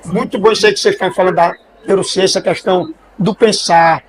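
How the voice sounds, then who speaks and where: High-voiced guy cracking jokes with podcast guests, laughs a lot. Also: steady tone, fast. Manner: jokey, chatty, laughs at his own quips. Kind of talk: casual chat.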